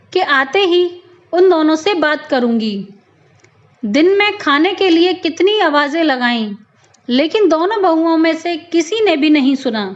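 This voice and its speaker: A woman storyteller narrating a first-person moral tale in a gentle, reflective way, on a slightly dull lo-fi recording. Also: high-pitched.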